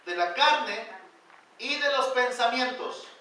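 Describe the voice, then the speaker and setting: A male pastor preaching a sermon in a church, pushing phrases up loud and then sinking them to a near hush. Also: very high voice, lively intonation, takes it slowly. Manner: emphatic preaching, rising loud then dropping quiet. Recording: very echoey church hall, voice from far off.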